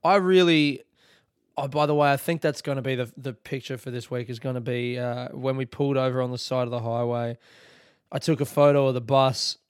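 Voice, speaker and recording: A man's voice: medium pitch, fairly even intonation, a little fast, clear, resonant tone, no room sound, studio quality. A young Australian man hosting a casual solo podcast, rambling and swearing with enthusiasm. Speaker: podcast host.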